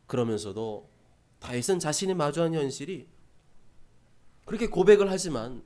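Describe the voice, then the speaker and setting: A man's voice: on the high side, lively intonation, normal speed, a little mellow. A man preaching a sermon as a pastor, conversational and emphatic, with repeated phrases and rhetorical questions to the congregation.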